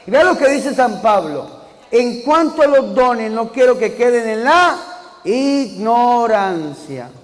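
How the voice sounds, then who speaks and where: A man with a very high voice preaches a sermon, calling out to his congregation and rising into shouts. His words ring out with the long reverb of a big church hall. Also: animated, slow pace. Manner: calls the congregation to repeat and answer, building to shouts.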